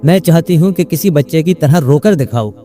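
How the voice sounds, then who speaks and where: A man's voice: on the high side, animated, mellow, faint music behind, lightly acted. A man putting on a teasing, coy witch. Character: teasing, playful female witch spirit.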